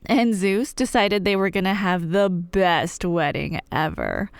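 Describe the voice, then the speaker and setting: A lowish, sing-song female voice with vocal fry keeps a measured pace, recorded cleanly in a studio with no room sound. The woman performs a scripted ASMR roleplay as a chatty, nerdy, playful girlfriend, rambling casually through myths in a wry, irreverent, slangy manner.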